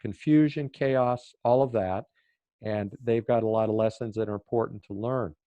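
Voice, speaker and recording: An older man from Oregon, a former official on a panel, explaining at length in a measured way, with some fillers and restarts. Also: fairly low pitch, fairly even intonation, no room sound, lo-fi sound. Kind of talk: panel discussion answer.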